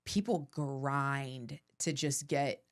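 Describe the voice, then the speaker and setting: A woman's voice: extremely low pitch, drawn-out words. A woman in her thirties, a comedian guest on a podcast, talking casually and animatedly and swearing freely. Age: 30s.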